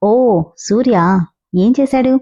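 A woman voicing a sharp, demanding young lawyer who speaks firmly and questions hard. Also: a little high, takes it slowly, muffled recording, voice pushed up. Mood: stern. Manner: firm, questioning.

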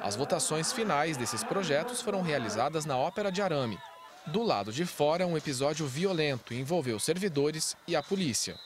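A man reporting for TV news, delivering a measured, formal report outdoors with a handheld microphone. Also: on the high side, expressive, crowd noise. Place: outdoors in front of city hall.

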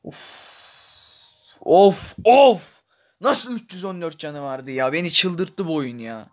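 A man giving gameplay commentary, exasperated and complaining, swinging between tired muttering and loud outbursts. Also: on the high side, animated, unhurried. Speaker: gaming YouTuber.

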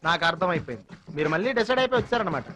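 A man's voice: high voice, sing-song, rapid-fire. A man playing a flirty, flustered comic bachelor in film dialogue. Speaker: comic character.

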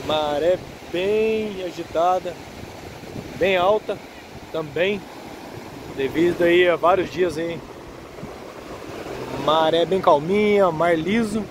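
A man films a walking vlog on his phone along a windy beach boardwalk. His voice sits slightly high and his chat is easygoing, aimed at his viewers. Loud surf and wind roar around the phone mic. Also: slow, pauses often. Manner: relaxed, chatty, addresses viewers often. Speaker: vlogger filming the beach. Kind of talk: casual walking vlog commentary. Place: outdoors on a windy seaside boardwalk. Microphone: handheld phone camera. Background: waves and passing traffic.

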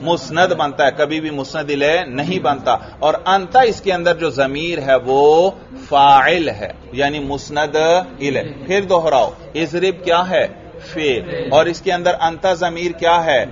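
A man's voice: on the high side, unhurried, dull audio. A man from Pakistan with a Pakistani Urdu accent, teaching a classroom grammar lecture and asking his students questions, then repeating their answers.

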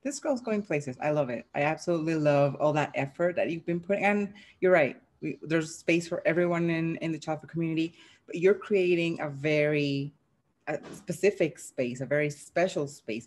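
Low-voiced woman co-host. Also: moderate pace, a little mellow. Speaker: podcast co-host. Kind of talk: casual video-call conversation. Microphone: video call.

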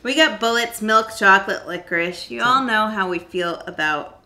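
A woman's voice: mid-range voice, moderate pace, bright, forceful tone. A woman co-hosting a snack taste-test video in easygoing, curious casual chat.

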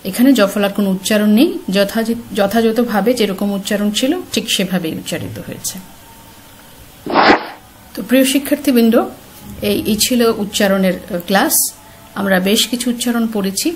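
A woman teacher giving a slide-based pronunciation lesson, speaking clearly and patiently and putting questions straight to her students. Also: medium pitch, slight background noise.

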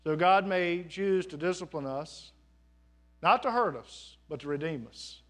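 A man's voice: high-pitched, measured pace. A man pastor preaching a live sermon in a church, in an earnest, conversational way with folksy asides. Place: church sanctuary.

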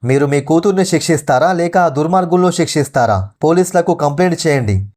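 A man's voice: on the high side, lively intonation, fast talker, a little mellow, pitched above the performer's own voice. A man voicing a firm, bold village teacher. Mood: firm persuading. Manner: firm, persuading. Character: bold kind village teacher, middle-aged woman.

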